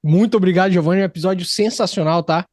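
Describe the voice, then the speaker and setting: A man from Brazil, hosting a podcast studio interview in an excited, slangy, rambling way. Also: high-pitched, fast, no room sound. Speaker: podcast host. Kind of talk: casual interview chat.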